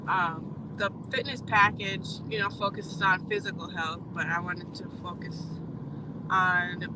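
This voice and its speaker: A woman calling in by phone while driving, answering interview questions hesitantly with many pauses. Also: on the low side, steady tone. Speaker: podcast guest, coaching client. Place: moving car. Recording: loud car road noise over phone line.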